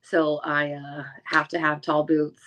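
A woman's voice: deep voice, completely flat delivery, measured pace, fairly bright tone, a little hiss or hum, poor audio. A woman co-hosting a podcast in casual chat, speaking informally with laid-back wording. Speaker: podcast co-host.

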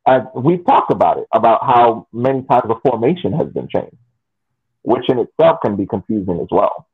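On a casual sports podcast panel about soccer, a man repeats words and phrases as he makes his point. His medium-pitched voice is expressive and a bit breathy at a moderate pace, heard over a tinny, muffled, phone-like line.

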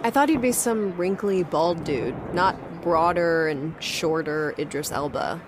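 An actress playing a brisk, blunt young woman who leads a team of investigators in an audio drama. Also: on the low side, lightly acted. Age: young adult. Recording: clear outdoor dockside noise behind.

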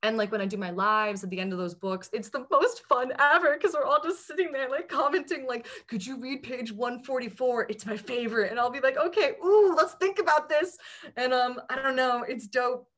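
Animated twenty-five-year-old woman. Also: high-pitched. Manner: animated and self-mocking, quick asides. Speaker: podcast guest. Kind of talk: casual chat.

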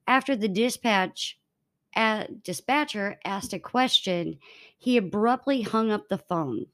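A young woman co-hosting a casual podcast reads a case aloud to her friends, telling it matter-of-factly and laughing between lines. Her mid-range voice has lively intonation, a slightly slow pace and a bit of brightness.

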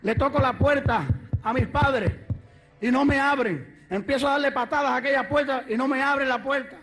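A man preaching a testimony sermon, fervent, moving from quiet storytelling to shouted praise. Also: very high voice, moderate pace, breathy edge. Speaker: evangelist preacher.

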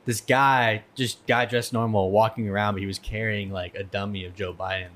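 A man with a fairly low voice chats on a podcast he hosts. He jokes in relaxed, easygoing banter. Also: normal speed. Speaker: podcast host. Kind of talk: casual chat.

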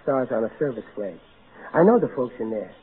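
An actor in an old-time radio comedy-drama plays a big-hearted, blustery, middle-aged working-class everyman who is folksy and exasperated. His mid-range voice is animated, brisk and lightly acted, with a gentle, somber mood and an earnest, ungrammatical manner. The sound is a narrow, tinny, hissy vintage broadcast.

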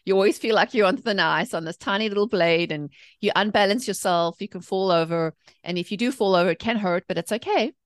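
A South African woman in her forties, a mindset coach and author, appears as a podcast guest and tells personal stories in a chatty, emphatic interview style. Her medium-pitched voice moves briskly, and the recording is dry and studio quality.

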